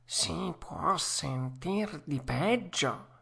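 A woman voicing a scheming, fawning fox with a slow, drawn-out, oily delivery. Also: deep voice, lively intonation, creaky, fairly bright tone, husky, exaggerated voice. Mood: sly.

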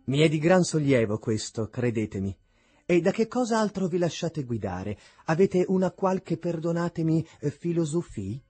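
Gushing noblewoman, put on by a man, raised pitch, husky. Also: very animated, moderate pace, dark tone, no room sound. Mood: tender. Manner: effusive, inquisitive. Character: fond, eager aristocratic woman, gushing.

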